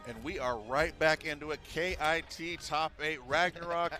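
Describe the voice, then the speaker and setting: A man's voice: a little high, moderate pace. Man calling an esports match over music. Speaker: play-by-play commentator. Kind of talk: esports play-by-play commentary. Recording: commentary over loud game music.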